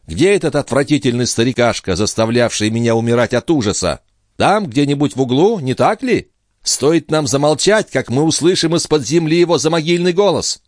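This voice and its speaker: Male reader doing a high, wailing young woman for a storybook, defiant and desperate, dry close sound. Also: expressive, fairly quick, no echo, natural voice. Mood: furious. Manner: sobbing, pleading, shrill outbursts.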